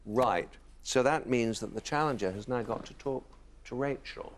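A man's voice: medium pitch, moderate pace. A man hosting a quiz show, with dry, teasing quips. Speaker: game show host. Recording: noisy broadcast studio.

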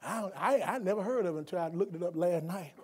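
High-voiced preacher shouting in a chapel. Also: male voice, fast talker, slightly rough. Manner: swings from quiet explanation to shouted emphasis; stumbles and restarts often when speaking off the cuff. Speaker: guest preacher. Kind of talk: sermon. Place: college chapel auditorium, at a lectern on stage. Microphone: lectern microphone, wide camera. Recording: long hall reverb from a large chapel.

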